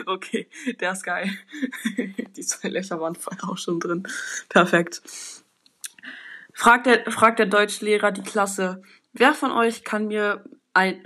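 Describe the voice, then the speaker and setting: A teenage girl reads simple children's jokes aloud, unrehearsed. She trips over words and starts sentences again. Between jokes she comments in relaxed, slangy chat. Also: medium pitch. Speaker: joke reader. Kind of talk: casual reading of kids' jokes aloud.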